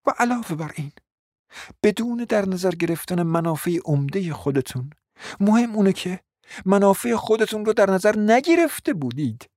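A woman acting a cunning, flattering mother in a radio play, coaxing and often dropping to a whisper. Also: medium pitch, dry recording, studio quality, close to an everyday voice. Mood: persuasive. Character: cunning, flattering provincial mother, persuasive and scheming. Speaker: scheming mother.

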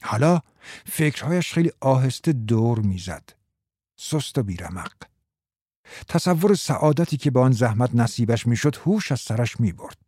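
A man narrating a story in a measured, even way. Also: mid-range voice, husky, dry recording, clean studio sound. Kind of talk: scripted narration.

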